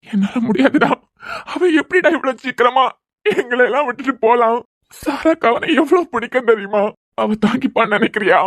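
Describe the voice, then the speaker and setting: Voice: mid-range voice, no room sound, studio quality, lightly acted. A performer voicing a grieving young man in a cartoon series, lamenting in a choked, mournful voice with a Kanyakumari Tamil accent. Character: grieving young man, heartbroken over his friend. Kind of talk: cartoon voice acting.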